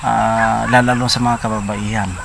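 A middle-aged man from the Philippines in an outdoor documentary interview, speaking haltingly and mixing in English terms. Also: on the low side, little pitch movement, gravelly. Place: outdoors by a rural pond with hills. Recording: outdoor interview with audible background noise.

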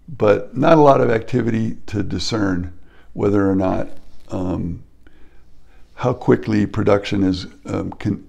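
A man hosting his own channel, narrating a casual vlog over drone footage in a halting way, with many fillers and restarts. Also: on the low side, creaky, darkish tone. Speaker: channel host.

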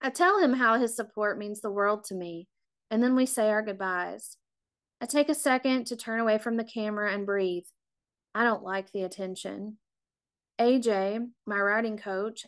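Woman reading her memoir, measured and reflective. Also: fairly high pitch. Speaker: author.

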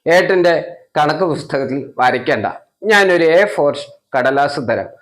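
A man voicing a mother who scolds her older son and gently coaxes her crying child. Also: fairly high pitch, expressive, normal speed, close to an everyday voice. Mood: coaxing. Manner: scolding yet coaxing, patient questioning. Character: mother, firm but coaxing.

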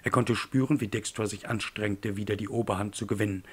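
Male audiobook narrator, low voice, measured and tense. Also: fairly even intonation, breathy edge.

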